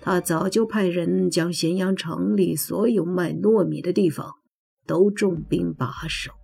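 A woman's voice: lowish voice, unhurried, vocal fry, warm tone, breathy edge, faint music behind, full character voice. A woman doing a joking, boastful middle-aged godfather. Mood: weary. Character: playful teasing middle-aged male godfather.

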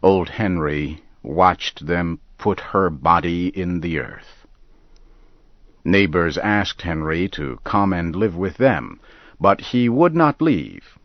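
A man narrates a story slowly and calmly, each sentence measured and clear. His voice sits very low and unhurried, recorded close and dry, with a slightly muffled, dull sound. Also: dry recording. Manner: calm and measured. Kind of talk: slow scripted story narration for learners.

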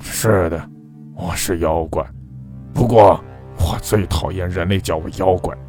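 Male cat demon, cold and contemptuous, low and quiet, put on by a male narrator. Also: a little slow, soft background music. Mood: cold threat. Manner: cold, sneering, menacing. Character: sinister male cat demon with human face.

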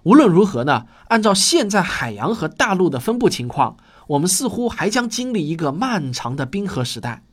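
Male nature documentary narrator for a science series: slightly high pitch, highly varied melody, explanatory storytelling read. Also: big pitch swings, moderate pace, few pauses. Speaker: host of a popular science audio series.

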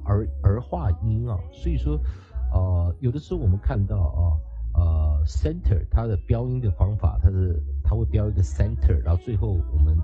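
A low-voiced man, lecturing casually as an English teacher. His pitch swings widely as he keeps asking "right?" and mixes English words into his talk. The recording sounds slightly dull, with faint music behind him. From United States. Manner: chatty, asks rhetorical "right?", drops English words into the Chinese.

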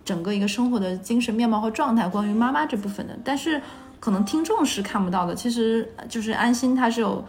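Effusive, fast-talking female podcast host. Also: a little high, a little mellow. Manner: effusive, reacts expressively. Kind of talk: casual conversational interviewing.

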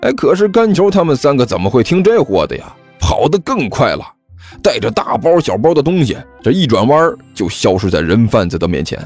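A man narrating a comic story with a lively, expressive reading. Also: mid-range voice, brisk, faint music behind.

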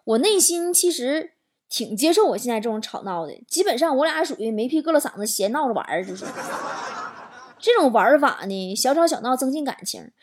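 A woman talk show host, telling stories in an animated, exaggerated comic monologue. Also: high voice, fairly quick. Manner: animated, exaggerated storytelling with swearing and laughter. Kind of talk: comedic monologue.

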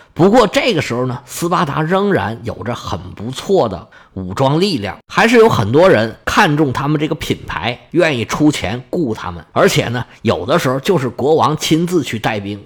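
Lively male history storyteller. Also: medium pitch. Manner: lively, colloquial, joking asides.

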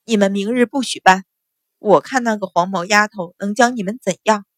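A short-tempered lady of a great house, as a woman reader plays her snaps out orders. Her voice is sharp and commanding. The recording is dry and close. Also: medium pitch, moderate pace, no echo, natural voice. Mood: stern. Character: stern noble mistress of the house, short-tempered.

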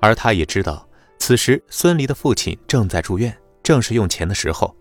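A man narrating a web novel audiobook in a lively, dramatic storytelling manner. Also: fairly low pitch, fairly quick, faint music behind.

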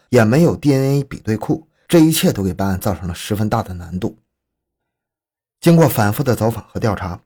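A man reads a scripted true crime account as its narrator. His voice sits fairly low and has a husky, rough-edged grain. He tells it dramatically, shaping the story for suspense. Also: darkish tone.

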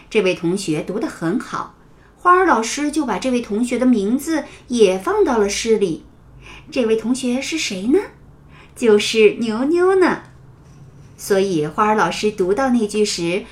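A woman narrating a children's story in a gentle, expressive storytelling manner. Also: fairly high pitch.

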